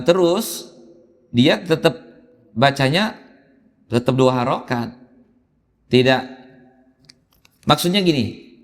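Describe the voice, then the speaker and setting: A man teaching Quran reading in a mosque, explaining patiently and chanting drawn-out examples. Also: mid-range voice. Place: mosque hall. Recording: long hall reverb in a mosque.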